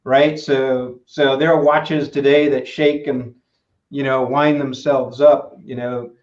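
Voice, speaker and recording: A man answering interview questions as a materials expert, halting and full of fillers. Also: medium pitch, little pitch movement. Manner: halting, many "uh" and "you know" fillers. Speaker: guest expert in materials engineering. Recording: roomy, dull lo-fi sound.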